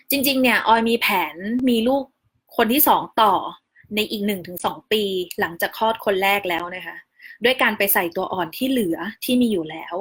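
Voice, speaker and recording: A woman's voice: mid-range voice, slightly rough. Chatty, polite young mother narrating. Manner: chatty and polite, often ending phrases with soft polite particles; calmly explains step-by-step practical details. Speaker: new mother sharing her hospital stay. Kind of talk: casual narrated vlog voice-over.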